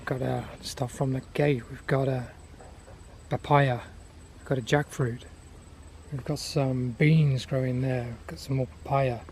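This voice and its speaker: A man giving a casual, unscripted garden tour outdoors, listing things in an unhurried, appreciative way. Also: medium pitch, dark tone. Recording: outdoor ambient noise.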